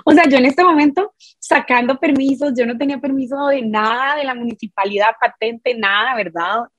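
A woman in her thirties with a Costa Rican accent, telling her own story as an interview guest in an emphatic, lively way and acting out what people said to her. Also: sits high, moderate pace, dry recording. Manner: emphatic, animated, acts out quoted dialogue. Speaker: guest, barre studio owner. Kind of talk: candid personal storytelling.

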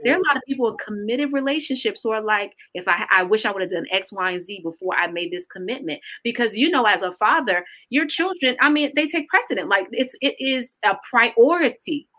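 Woman talking faith on a podcast, bright voice, earnest and emphatic. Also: fairly high pitch, fairly quick, few pauses. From Caribbean roots. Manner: earnest, emphatic, animated storytelling. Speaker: podcast guest. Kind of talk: casual faith talk.

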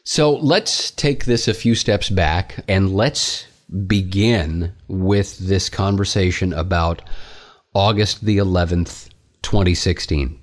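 Deep-voiced male podcast host. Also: slow. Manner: curious, wry questioning. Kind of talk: casual interview.

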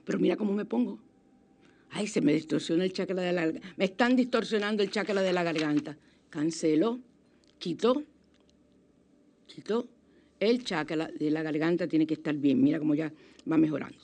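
A woman radio host, giving spiritual self-help advice in a chatty, expressive way with sudden exclamations. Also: on the low side, fairly quick, gravelly. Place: radio studio.

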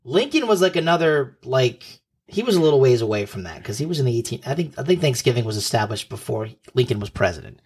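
A man's voice: medium pitch, very animated, fast talker, a little mellow, breathy edge. A man with a New England accent, co-hosting a podcast and trading sarcastic, profane jokes while answering quiz questions. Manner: sarcastic, profane, self-mocking. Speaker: podcast co-host, quiz contestant. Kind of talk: casual podcast chat.

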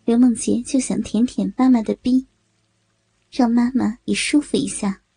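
A woman narrating a story in a slow, measured reading voice. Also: a little high, fairly even intonation, gravelly, dark tone, husky, dry recording.

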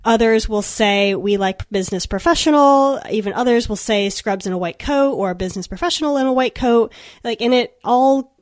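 A woman's voice: a little high, fairly quick, darkish tone, dry recording, clean studio sound. A young woman veterinarian giving upbeat, chatty advice to students on a podcast, laughing now and then. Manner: upbeat, chatty, laughs often, acts out quotes. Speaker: veterinarian guest speaking to students. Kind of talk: podcast talk, advice monologue. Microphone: computer microphone.

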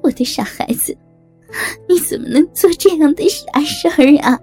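A woman voicing a distraught middle-aged mother who cries out in shrill outbursts. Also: moderate pace, mellow, faint music behind. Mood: trembling grief.

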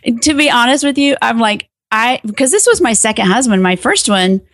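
A middle-aged woman, a guest telling her story in an interview, talking animatedly with sharp emphatic pitch rises. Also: animated, brisk, dry recording, studio quality. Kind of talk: personal interview.

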